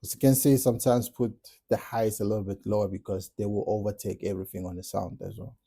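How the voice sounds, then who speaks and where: A man from South Africa with a South African accent, calmly walking through how he builds a track, step by step, in a casual tutorial. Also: on the low side, fast, vocal fry, slightly rough. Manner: relaxed step-by-step explaining. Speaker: music producer tutorial host. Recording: music playing in the background.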